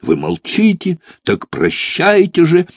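A man's voice: high voice, huge pitch swings, takes it slowly, vocal fry, slightly rough, no echo, voice pushed up, full character voice. A man voicing a theatrical, drunken young man who speaks in a wailing, affectedly despairing voice.

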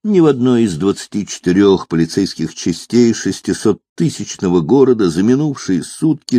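Male audiobook narrator, low and animated, dramatic storytelling. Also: husky, no echo. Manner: expressive, dramatic reading. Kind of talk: scripted narration.

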